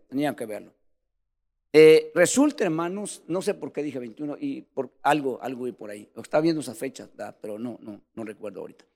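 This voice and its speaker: A man preaching a sermon in a church, animated, often calling his listeners "brother" and swinging between loud and soft. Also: a little high.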